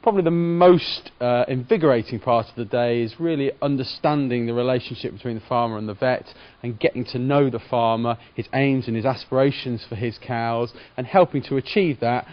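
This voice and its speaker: A man, a farm veterinarian giving measured, formal explanations in an interview. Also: medium pitch, dull audio. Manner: measured, formal veterinarian explaining carefully in plain professional terms.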